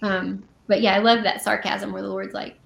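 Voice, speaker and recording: A woman's voice: mid-range voice, flat delivery, normal speed, gravelly, fairly bright tone, reverberant. A woman co-hosting a casual podcast, reading Bible passages aloud and then explaining them in a chatty way with fillers and self-corrections. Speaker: podcast co-host.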